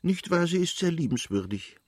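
A man's voice: on the high side, sing-song, normal speed, darkish tone, breathy edge, dry recording, voice pushed up. A man voicing a gushing old countess. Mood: doting. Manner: affectionate, chatty, doting. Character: elderly aristocratic countess, fond, gushing mother.

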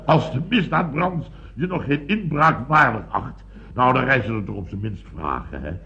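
Pompous fussy businessman, theatrical, bright, muffled old radio. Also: mid-range voice, animated, measured pace, vocal fry, full character voice. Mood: indignant. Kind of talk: radio comedy sketch. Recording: dull lo-fi old radio recording.

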